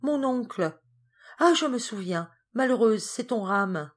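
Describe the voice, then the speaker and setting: A woman's voice: mid-range voice, expressive, measured pace, pitched above the performer's own voice. A woman voicing a frail, tearful young girl who speaks in a pleading, breathless way in a storybook reading. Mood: bewildered.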